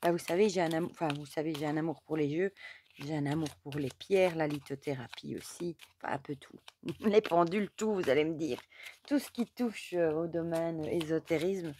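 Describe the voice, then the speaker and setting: Hoarse lady, lowish voice, rambly chatty card reading with lots of fillers. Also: moderate pace, warm tone, slight background noise. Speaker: oracle card reader, channel host; mother. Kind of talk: casual chat during a card reading.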